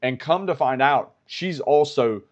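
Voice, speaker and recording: An American vlogger giving live-stream commentary, retelling events in a storytelling way and repeating himself. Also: male voice, medium pitch, unhurried, muffled recording. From United States.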